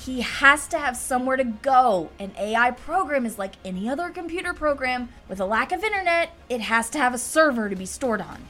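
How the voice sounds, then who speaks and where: Casting: actress for a hard-bitten female survivor boss in audio drama, sharp higher voice, forceful and sardonic. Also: lively intonation, a little fast, few pauses, faint music behind. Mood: urgent, commanding. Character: tough, commanding, foul-mouthed female survivor leader.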